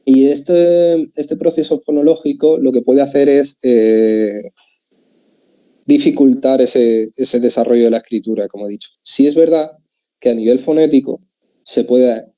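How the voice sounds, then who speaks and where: Spanish man, speech therapist, low mellow voice, explains patiently and checks in with listeners, muffled lo-fi sound. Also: normal speed. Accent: Spain Spanish. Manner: explanatory, often checks in with a tag question. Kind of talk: talk for parents. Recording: dull muffled lo-fi audio.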